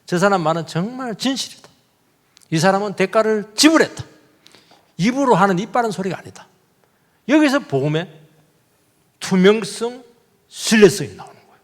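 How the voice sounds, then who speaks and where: A man's voice: high-pitched, lively intonation, normal speed, pauses often, long reverb tail. A male pastor giving a sermon, talking animatedly and putting rhetorical questions to his congregation. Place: church sanctuary.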